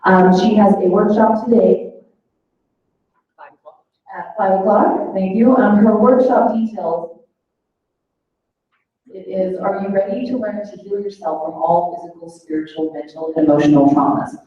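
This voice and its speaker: A woman's voice: mid-range voice, moderate pace, long pauses. A woman introducing the next speaker at an event, reading from notes with a few ums. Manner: reads introduction with filler ums. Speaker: event announcer. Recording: distant, echoey, dull hall sound.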